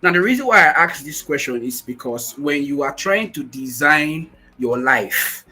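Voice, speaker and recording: A man speaks over a video call, his voice bright and forceful but somewhat husky. He talks energetically and repeats phrases to drive his points home, with faint music underneath. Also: fairly high pitch, animated, moderate pace. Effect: heard over a video call. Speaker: guest speaker. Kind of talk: motivational webinar talk. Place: at home in Nigeria on a shaky connection.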